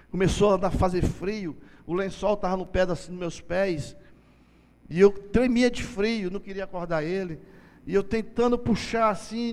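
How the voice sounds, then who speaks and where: Male preacher sharing testimony in a church hall; high voice, long reverb. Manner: storytelling, acts out dialogue, addresses listeners as brothers. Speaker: church speaker giving testimony. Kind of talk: testimony sermon.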